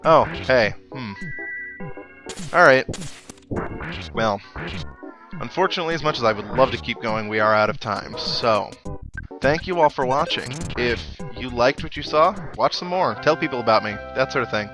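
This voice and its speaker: A medium-pitched man with lively intonation hosts a video game let's play, offering casual, wry commentary at a normal speed with long pauses. The recording is muffled, and video game music plays in the background.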